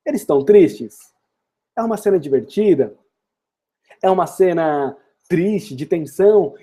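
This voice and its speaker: A Brazilian man gives an upbeat online English lesson and drives his points home with rhetorical questions. His voice sits a little high for a man, but its tone is very dark and mellow. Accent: Brazilian Portuguese. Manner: energetic and encouraging, with frequent rhetorical questions. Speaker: English teacher.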